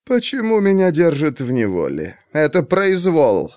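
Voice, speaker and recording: A man's voice: mid-range voice, sing-song, a little slow, vocal fry, mellow, no room sound, studio quality. A man voicing an irritated, insistent middle-aged male prisoner in an audiobook. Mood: indignant.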